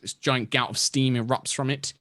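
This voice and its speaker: A man's voice: mid-range voice, steady tone, moderate pace, fairly bright tone, no room sound, studio quality. A man narrating a tabletop fantasy game as game master in a descriptive, conversational way.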